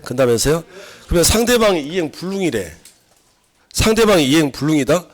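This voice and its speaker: A man's voice: fairly high pitch, very animated, brisk. A middle-aged man lecturing a class on civil law. He keeps asking the students questions and acts out his examples. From South Korea.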